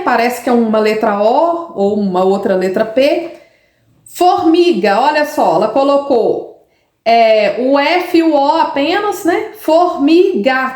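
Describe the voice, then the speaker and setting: A Brazilian woman with a high voice, speaking as a literacy teacher. She talks in a patient, explanatory way and often checks in with the listener. The sound is roomy and echoing. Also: a little mellow. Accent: Brazilian Portuguese. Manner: patient, explanatory, frequent tag questions. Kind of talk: explaining pupils' writing samples. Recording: echoey room.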